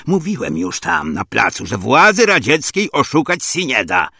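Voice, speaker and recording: A man's voice: mid-range voice, huge pitch swings, moderate pace, vocal fry, sharp tone, slightly rough, dry recording, studio quality, exaggerated voice. A man voicing a stern, angry Soviet officer interrogator who speaks Polish with a Russian tinge and barks threats and orders.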